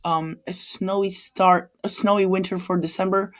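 A Polish man in Chicago hosts a weather channel, giving a casual forecast over screen-shared maps in a high-pitched, flat, fairly bright voice at a moderate pace. He rambles, restarting often and stopping to correct himself.

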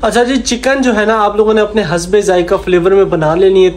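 A man's voice: high-pitched, little pitch movement, brisk, a little mellow. A young man hosting a family cooking vlog, chatting casually into a handheld phone camera at home. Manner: chatty, coaxing and playful with the baby. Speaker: vlogger host. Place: home kitchen and living room, indoors. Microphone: phone camera held at arm's length.

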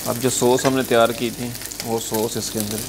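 A man cooking at a restaurant stove, calmly walking through each recipe step and saying "achha ji" between steps. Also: mid-range voice, normal speed. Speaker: cooking show chef. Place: restaurant kitchen at a gas stove. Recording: loud sizzling frying noise behind.

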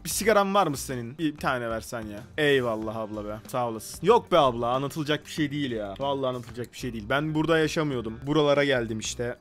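A man talks quickly through a role-play game with a somewhat high voice. He narrates to himself in character, dropping to mutters and then bursting out loudly. Faint music plays behind him. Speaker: gaming video creator. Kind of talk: casual role-play gameplay commentary. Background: faint background music.

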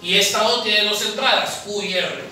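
A male tutor with a high voice and normal speed teaches logic at a chalkboard for an admissions academy, working through exam problems. Lively, he quizzes students and answers himself, calling the viewer "papi," while a far camera records the very echoey indoor classroom from afar with faint noise.

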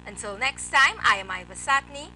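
A young woman with a high, very lively delivery hosts a lottery draw. She reads scripted announcements and numbers formally, as on television, over audible background noise. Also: moderate pace, poor audio. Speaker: lottery draw host, presenter. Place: TV studio.

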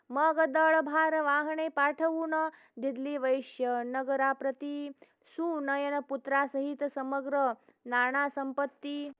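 A woman reading devotional verse aloud in a steady, chanting cadence, as a scripture reader. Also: high-pitched, dry recording. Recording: tinny phone-like dry recording.

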